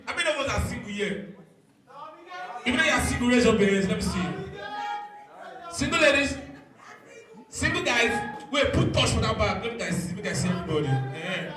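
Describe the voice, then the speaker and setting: A Nigerian man doing stand-up comedy as host, teasing and calling out to his live audience in Pidgin-flecked speech. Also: very high voice. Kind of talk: crowd-work stand-up comedy, mixing English and Pidgin. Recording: echoey venue, distant stage sound.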